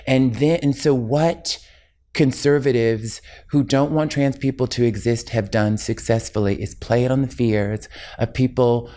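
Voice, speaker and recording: A woman in her fifties, a guest in a casual interview, talking reflectively and telling animated stories in which she acts out the people she quotes. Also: very deep voice. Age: 50s.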